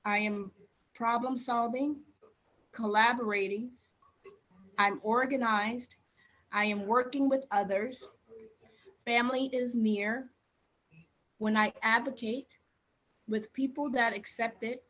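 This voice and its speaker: A woman reads her share of a group poem during an online orientation. Her voice sits a little high, and she moves slowly and steadily from line to line. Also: low-quality recording. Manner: slow, steady reading. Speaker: orientation participant. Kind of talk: reading a poem aloud.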